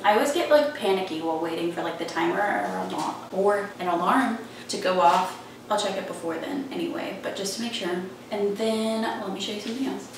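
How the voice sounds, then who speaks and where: A young woman chatting casually in her home kitchen while cooking, rambling with lots of "like". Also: mid-range voice. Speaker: vlogger. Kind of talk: casual cooking vlog chat. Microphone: camera across the kitchen. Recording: roomy, distant kitchen audio with noise.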